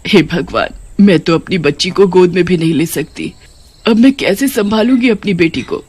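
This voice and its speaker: A woman's voice: on the low side, moderate pace, a little mellow, husky. A woman voicing a grieving mother who has become a witch ghost, pleading and motherly in a cartoon story. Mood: anguished.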